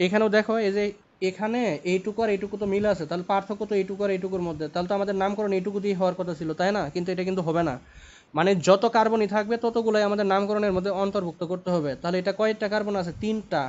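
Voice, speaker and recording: A man's voice: high-pitched, fairly even intonation, racing, a little mellow. A young man teaching chemistry, repeating points and checking in with tag questions. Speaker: chemistry tutor. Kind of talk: lecture at a whiteboard. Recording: dull lo-fi recording.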